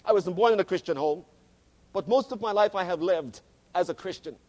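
Emphatic high-voiced preacher in his fifties. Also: brisk, darkish tone. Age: 50s. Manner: earnest, emphatic, repeats phrases for stress. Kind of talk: sermon.

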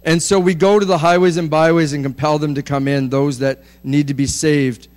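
A man's voice: on the high side, fairly even intonation, moderate pace, a little mellow. A man presenting a ministry's work from slides to a congregation, joking and using many fillers. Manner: joking, filler-heavy, chatty.

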